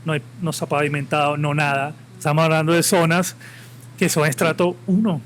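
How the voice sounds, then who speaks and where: Briskly and in a level, fairly high, fairly bright voice, a Colombian man with a Caribbean-coast accent from Santa Marta holds forth as a guest at a live podcast with an audience. He's passionate, opinionated and rambling, and there's a little hiss or hum.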